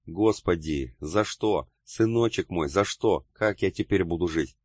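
A man's voice: deep voice, unhurried, darkish tone, slightly rough, no echo, studio quality. A man voicing a tall, wild old woman who shrieks and accuses in her grief, read as part of an audiobook. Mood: wailing. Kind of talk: audiobook character reading.

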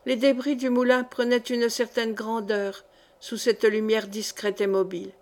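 A woman reading a historical novel aloud as an audiobook narrator, measured and expressive. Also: fairly high pitch. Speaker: audiobook reader. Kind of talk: scripted narration.

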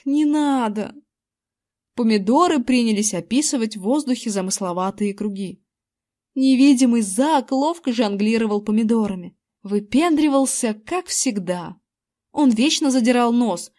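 Expressive woman reading a story aloud. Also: on the high side. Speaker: audiobook narrator. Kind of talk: first-person audiobook narration.

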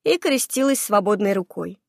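A woman reading a first-person fantasy novel aloud in a lively, expressive narration. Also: mid-range voice, normal speed, vocal fry, no echo, clean studio sound. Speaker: audiobook narrator.

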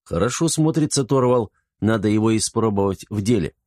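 A man's voice: lowish voice, animated, a little fast, warm tone, no room sound, studio quality, lightly acted. Man voicing a witty, commanding young man. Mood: playful. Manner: joking, then stern.

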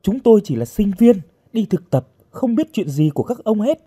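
A man voicing a shrill, frightened young woman. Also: fairly quick, mellow, slightly rough. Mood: defiant, shrill. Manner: high, panicked pleading. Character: frightened young woman student held captive.

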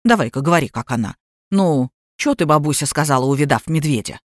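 A woman's voice: sits low, animated, brisk, dry recording, studio quality, voice pushed down. A woman doing a meek, henpecked old grandfather. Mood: coaxing.

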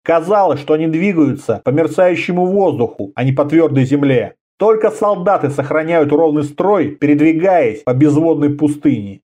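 A man narrating an audiobook in a lively storytelling manner. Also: on the high side, moderate pace, few pauses. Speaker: audiobook reader. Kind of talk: scripted narration.

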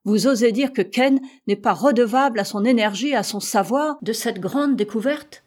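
A woman's voice: fairly high pitch, moderate pace, a little mellow, natural voice. A woman voicing a stubborn, proud American explorer who argues insistently and heatedly.

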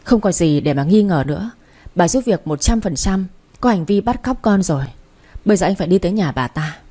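A man's voice: high-pitched, expressive, a little fast, dark tone. A woman voicing Dũng, a fierce young father. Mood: determined. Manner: protective, commanding. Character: wealthy young father, fierce when crossed.

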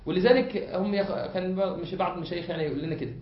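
A man with an Egyptian accent, teaching a lesson as a sheikh, often pausing to have students fill in the word and repeating points. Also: high-pitched. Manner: asks the class to fill in words, repeats points. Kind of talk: classroom lesson. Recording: echoey hall, muffled lo-fi.

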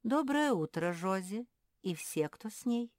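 A woman voicing a calm, commanding male bat king in a storybook reading. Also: mid-range voice, measured pace, dry recording, studio quality, pitched above the performer's own voice, natural voice. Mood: regal.

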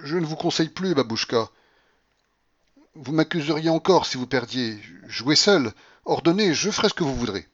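A dutiful young tutor, as the male reader voices him, speaking politely and carefully, lifted a bit above the reader's usual tone with a lively lilt. The sound is muffled and lo-fi. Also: on the high side, normal speed, husky, pitched above the performer's own voice. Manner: polite, cautious, reasoning. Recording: muffled lo-fi recording.

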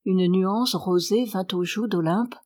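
In a mid-range voice, a woman reads a classic novel aloud as an audiobook narrator, with a measured yet expressive delivery.

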